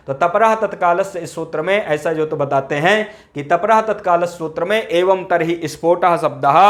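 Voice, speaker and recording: A man with a fairly high voice gives a grammar lecture aimed at exam students. He says each key phrase again and again. He keeps checking understanding with rhetorical questions. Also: a bit bright. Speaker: Sanskrit grammar teacher.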